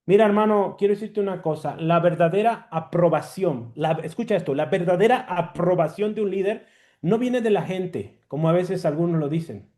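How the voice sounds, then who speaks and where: High-voiced preacher teaching a sermon. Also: male voice, dark tone. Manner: teaching, repeats key words slowly and asks "¿sí?".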